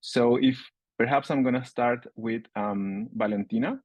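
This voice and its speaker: A man's voice: mid-range voice, a little slow, a little mellow, no echo. A man with a Chilean accent moderating a panel discussion, hesitating often with ums. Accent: Chilean Spanish.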